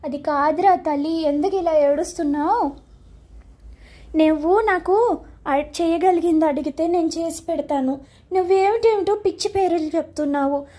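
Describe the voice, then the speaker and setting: A woman's voice: extremely high pitch, normal speed, dark tone. A woman voicing a kind mother in a children's story who soothes and sometimes scolds her son. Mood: soothing. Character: patient mother, kind but quickly scolding.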